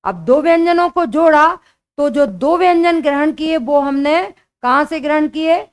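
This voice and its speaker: A high-voiced young woman teaches an exam-prep grammar lesson. She speaks slowly and deliberately, repeating each key point so it sticks. Her delivery is patient and explanatory.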